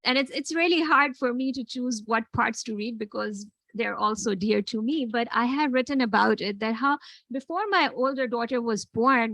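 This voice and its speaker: In a dry, close-sounding space and a rough recording, a woman in her forties from Karachi, Pakistan, whose first language is Urdu, appears as an author and guest speaker. Her fairly high voice has a gravelly edge and a fairly bright tone. She reflects earnestly, often pausing and restarting, alternating personal remarks with passages from her book.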